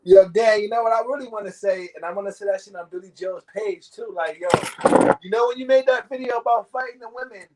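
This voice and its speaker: A man's voice: sits high, fast, very noisy. A man on a casual podcast chat who sounds muffled and far off, as if heard through a wall. He talks in a teasing, laughing way and talks over the others. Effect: muffled and distant, as if through a wall. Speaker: podcast co-host.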